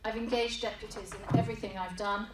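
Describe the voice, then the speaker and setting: A woman giving a calm, measured campaign speech as a candidate at a hustings. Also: medium pitch, over a noisy crowd. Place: large hall with an audience. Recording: echoey room from far off.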